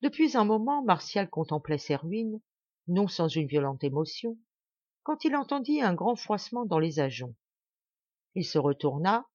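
A woman reading a classic novel aloud as an audiobook, narrating in a measured, clear way. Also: on the low side, darkish tone, dry recording, dull audio. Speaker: audiobook reader.

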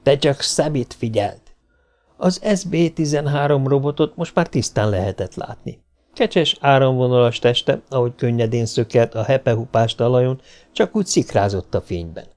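A man reading a science-fiction audiobook in a steady, measured narrating voice. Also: medium pitch.

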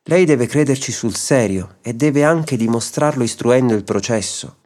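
A man's voice: mid-range voice, animated, normal speed, a little mellow, close to an everyday voice. A man voicing a grim, indignant middle man branded a jinx, insistent and stubborn, in a radio story reading.

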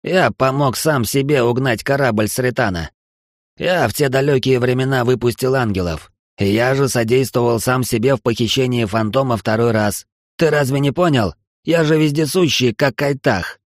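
Guy doing a bitter sneering alien outlaw, spiky tail, mocking every word, mid-pitched, dry close sound. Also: normal speed, no echo, close to an everyday voice. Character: bitter spiteful alien male outlaw officer with tail spikes. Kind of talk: audiobook character voice.

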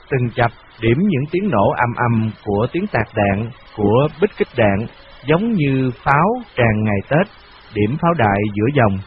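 A man reading a novel in steady, measured scripted narration, on a dull lo-fi recording. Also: mid-range voice, a little hiss or hum. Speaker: audiobook narrator.

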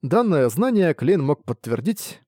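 A man narrating a fantasy audiobook in a steady, even reading voice. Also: on the high side, unhurried, dry recording, clean studio sound.

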